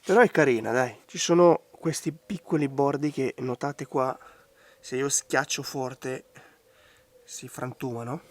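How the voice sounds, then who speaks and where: A man with a hoarse, congested voice giving out from a bad cold, talking casually through a hands-on craft tutorial. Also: medium pitch, unhurried, dry recording. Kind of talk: casual hands-on DIY commentary. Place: outdoors in a garden.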